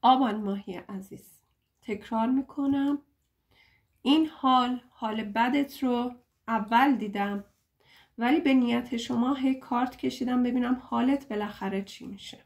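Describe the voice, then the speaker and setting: A woman's voice: a little high, a little mellow. Chatty, playful woman reading tarot. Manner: chatty and playful, joking and laughing at herself; affectionate, pleading with listeners. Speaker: tarot reader. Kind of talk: casual tarot reading to camera.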